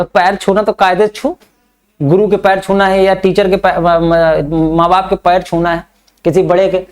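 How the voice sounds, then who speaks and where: A man with a high, darkish-toned voice teaches English in Hindi. He reads the English slowly, explains it in chatty Hindi, and scolds his students in a fatherly way along the way.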